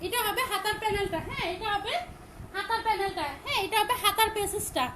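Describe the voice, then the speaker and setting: A woman with a Bangladeshi Bengali accent, selling dresses on a live stream, talking loudly and repeating her pitch over and over. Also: fast talker, very noisy. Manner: loud, repetitive sales pitch. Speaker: online shop seller.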